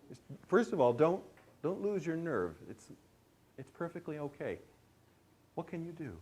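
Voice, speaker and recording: A man's voice: a little high, moderate pace, a little hiss or hum. A middle-aged man giving a lecture on presentation skills, often putting questions to his listeners. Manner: lively, asks the audience questions. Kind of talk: classroom lecture.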